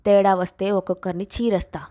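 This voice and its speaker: A woman reading a story voices a fierce, short-tempered young college woman who shouts angrily. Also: mid-range voice, level tone, brisk, lightly acted. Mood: angry. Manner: angry shouting.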